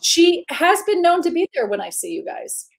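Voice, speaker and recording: A woman's voice: extremely high pitch, very animated, moderate pace, vocal fry. A woman hosting a casual live-stream chat, bubbly and giggly, rambling with lots of fillers. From Indiana, US. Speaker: host.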